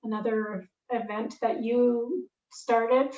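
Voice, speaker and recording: A woman's voice: a little high, fairly even intonation, slow pace, a little mellow. A woman hosting an interview, chatting casually and teasing her guest with easy laughter. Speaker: interviewer, outreach coordinator. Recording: roomy, distant and dull.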